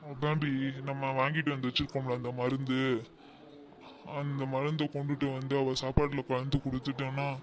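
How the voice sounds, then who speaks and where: A man's voice: flat delivery, brisk, natural voice. A man voicing a greedy, scheming middle-aged mother-in-law in a cartoon, bossy and plotting. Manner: plotting, bossy, shrill when alarmed. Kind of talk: cartoon voice acting.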